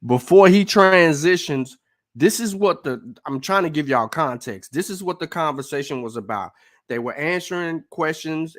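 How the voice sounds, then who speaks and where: A male channel host giving commentary on a clip, explaining context and speaking directly to his viewers. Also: mid-range voice.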